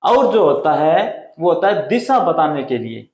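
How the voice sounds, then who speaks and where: A man teaches a Hindi grammar lesson in a slow, careful way, stretching out each vowel as he demonstrates it. His voice sits a little high. The recording has the hollow ring of an echoey room. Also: big pitch swings, darkish tone. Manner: deliberate, drawn-out sounding of vowels.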